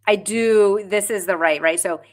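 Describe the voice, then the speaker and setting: Mulher falante e hesitante, podcast. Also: female voice, medium pitch, moderate pace. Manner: chatty, hesitant starts, laughs. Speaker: co-host. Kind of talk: casual podcast chat.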